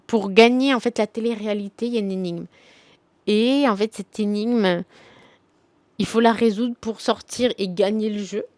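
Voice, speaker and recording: A young woman talks casually about her favourite books, rambling and slangy, her sentences full of fillers and restarts. Her voice sits at an ordinary pitch for a woman. The sound is dry and close, with little room echo. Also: fairly even intonation, moderate pace, darkish tone. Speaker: book vlogger. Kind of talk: casual book review chat.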